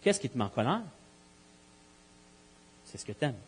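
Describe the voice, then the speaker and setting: A man's voice: mid-range voice, big pitch swings, moderate pace, a little hiss or hum. A man preaching a sermon, emphatic, with rhetorical questions and repeated key phrases. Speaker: pastor. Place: church. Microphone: live-streamed church recording.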